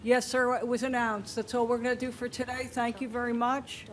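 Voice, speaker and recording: A woman's voice: fairly high pitch, flat delivery, fairly quick. A woman presiding as judge, reading charges and setting bond in a firm, businesslike way, heard on a courtroom recording. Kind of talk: formal court hearing. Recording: courtroom recording with faint noise.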